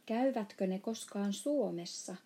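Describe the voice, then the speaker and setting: Woman doing a curious little girl, earnest questions, mellow voice, storybook reading. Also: medium pitch, natural voice.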